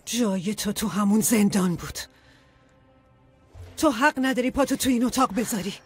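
A woman's voice: mid-range voice, breathy edge, soft background music. A dubbing actress voicing a loyal, indignant woman servant who scolds and defies her employers, in a dubbed TV drama. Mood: scolding. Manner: sharp, scolding, defiant. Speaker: servant of the villa.

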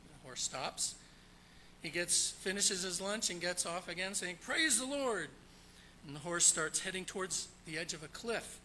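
A man's voice: high voice, sharp tone, a little hiss or hum, rough recording. A man preaching a church sermon, opening with jokes told in a storytelling manner before explaining scripture. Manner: jokey, storytelling, then explanatory. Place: church sanctuary.

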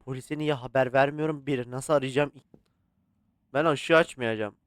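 A man casually commentating a horror photography game, swearing and yelling at scares between calm muttering. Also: medium pitch, normal speed, clear, resonant tone, dry recording. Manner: swears and yells at jump scares, chatty with the game. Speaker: gaming channel host. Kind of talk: casual let's-play commentary.

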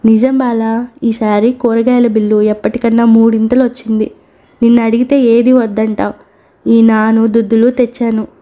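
A woman's voice: fairly high pitch, level tone, normal speed, dark tone, natural voice. A woman reading as a teasing young husband.

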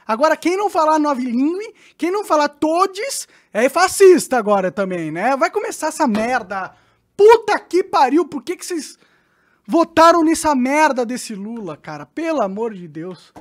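A high-pitched Brazilian woman rants her way through sarcastic opinion commentary. She sounds exasperated and swears freely as she reacts to clips. Her delivery stays loose and conversational. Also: big pitch swings, normal speed. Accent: Brazilian Portuguese. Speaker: podcast commentator.

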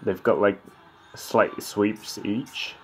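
A man's voice: on the low side, steady tone, drawn-out words, breathy edge. A man giving casual, laid-back reaction commentary on a Muay Thai fight in sparse remarks and short interjections, over background noise. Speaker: fight commentary video creator.

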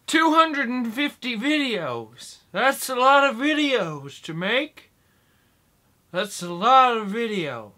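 A young man of twenty rambles through a comic vlog in a slow, halting, mock-doddering way, leaving long gaps between words. His voice sits high and sounds bright and forceful. He speaks into a desk microphone in a small indoor room. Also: sing-song. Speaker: YouTuber. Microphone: desk microphone in front.

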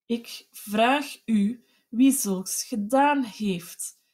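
A woman voicing a violent, enraged male peasant husband in a dramatic audiobook reading, cursing and shouting. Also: on the high side, little pitch movement, quick pace, natural voice. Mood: menacing.

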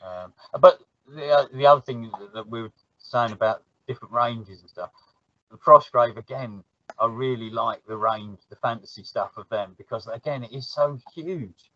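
A man's voice: medium pitch, normal speed, a bit bright, dry recording. Casual South London man, rambling and good-humoured; dry, slightly muffled audio. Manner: chatty, laughs easily, trails off and restarts. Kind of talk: casual chat.

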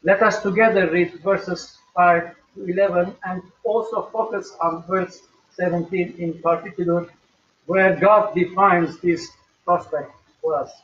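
An older man preaching a recorded sermon at home in a slow, measured way with emphatic rises. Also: sits high, fairly even intonation, a bit bright. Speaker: pastor. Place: small home room, indoors. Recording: echoey, distant, dull webcam audio.

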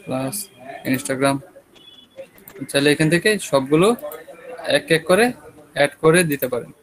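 Over poor audio, a Bangladeshi man with a Bengali accent runs an online web design lesson at a measured pace, his medium-pitched voice slightly hoarse. He keeps things relaxed, guiding his students through each screen and asking whether they're following.

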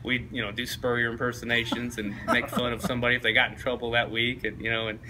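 A man's voice: mid-range voice, level tone, fast, noisy background. A man, a former football player telling laughing anecdotes in a casual interview and often mimicking his old coach. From East Tennessee.

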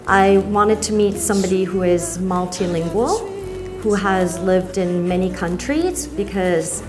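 A woman in her thirties, raised across several countries, talking fondly and at a measured pace about her fiancé in a sit-down interview in a bright sunroom. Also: fairly low pitch. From Thai, French and American, raised abroad. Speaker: bride-to-be interviewee. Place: bright glass sunroom with garden outside. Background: soft music.

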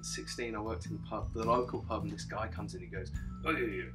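A man's voice: lowish voice, flat delivery, fast talker, a bit bright, faint music behind. A man hosting a live stream, chatting casually, reading out viewer questions and laughing often. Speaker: livestream host.

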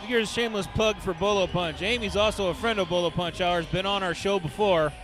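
A man's voice: high-pitched, fairly quick, music in the background. A man co-commentating on boxing from ringside with casual, joking banter. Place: ringside in an indoor sports hall.

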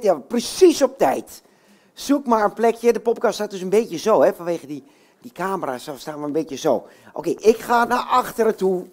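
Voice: mid-range voice, darkish tone. A puppeteer chatting with children before a puppet show, asking them question after question. The voice moves up and down a lot as they coax the crowd to join in. It is a live show indoors. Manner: friendly, coaxing, asks many questions. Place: bookshop, indoors.

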